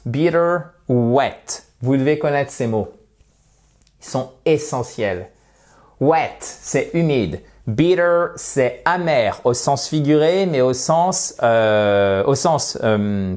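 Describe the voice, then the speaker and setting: Slow, patient male English teacher. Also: mid-range voice, a little mellow. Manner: patient, repeats words slowly, stresses English pronunciation. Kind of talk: vocabulary lesson in French with English examples.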